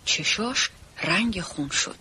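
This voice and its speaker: Husky, lively storyteller narrator. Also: mid-range voice. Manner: expressive storytelling. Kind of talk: scripted children's story narration.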